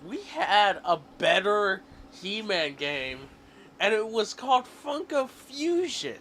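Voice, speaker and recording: A man chatting as a co-host on a casual podcast, laughing loudly. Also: sits high, very animated, takes it slowly, slight background noise. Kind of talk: casual chat.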